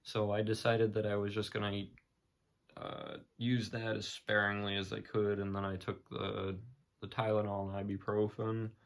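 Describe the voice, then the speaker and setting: A man's voice: lowish voice, little pitch movement, moderate pace. A young man talking casually in an unscripted vlog, hesitant and matter-of-fact as he shares his experience. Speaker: vlogger sharing personal recovery experience.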